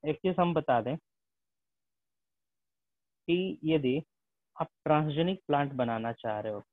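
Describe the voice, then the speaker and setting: A man's voice: a little high, lively intonation, unhurried, no echo. A male teacher giving a classroom lecture, mixing English terms into his speech and checking in with tag questions. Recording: tinny phone-like sound.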